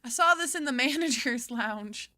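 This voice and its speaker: A woman's voice: high-pitched, animated, moderate pace, pushed and bright, faint music behind. A woman voicing an eager, fussy young male diner worker. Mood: excited.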